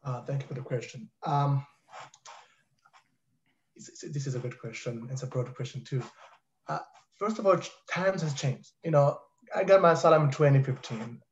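With frequent pauses at normal speed, this medium-pitched panelist, a man in his thirties whose first language is French, speaks earnestly and repeats points for emphasis. He's on a headset in a high-ceilinged living room, and the muffled call audio carries a little hiss or hum.

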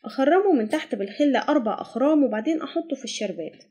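Hosting a cooking channel, a woman with an Egyptian Arabic accent narrates a recipe with brisk, step-by-step instructions. Her voice is high-pitched, expressive and mellow.

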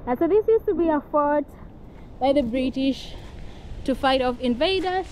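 Excited young woman vlogging outdoors. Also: high voice, moderate pace. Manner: excited, laughs often. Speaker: travel vlogger. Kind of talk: casual travel vlog. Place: outdoors on a windy coastal cliff. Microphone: action camera at arm's length. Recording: outdoor wind and surf noise.

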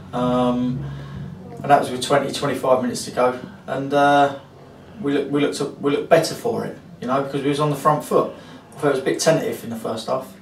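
Rambling football manager. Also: male voice, medium pitch. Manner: frank, rambling, many fillers. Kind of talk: post-match interview. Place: club interview room, indoors. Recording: roomy echo, distant mic, faint hiss.

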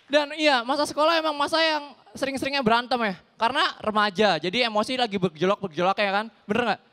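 A young man performs stand-up in casual slang, with a very high, light voice. He talks with lively energy and jumps into shouted impressions of quarrelling people. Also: fast talker. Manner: animated, acts out shouting brawlers. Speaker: stand-up comedian. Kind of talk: stand-up comedy set.

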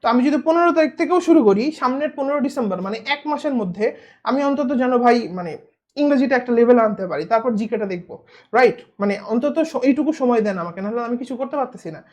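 Fast-talking tutor man. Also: extremely high pitch, animated, darkish tone. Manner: blunt, teasing, keeps asking "right?". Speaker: admission test tutor. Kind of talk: casual video lecture.

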